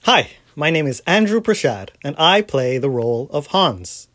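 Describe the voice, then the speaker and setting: A man's voice: fairly high pitch, very animated, moderate pace, fairly bright tone. A man stage actor introducing himself and his costume in a matter-of-fact way. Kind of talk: audio-description self-introduction.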